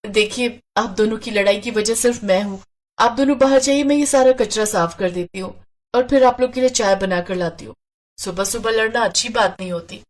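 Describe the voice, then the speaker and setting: A woman as a gentle young bride. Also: fairly high pitch, a little fast, natural voice.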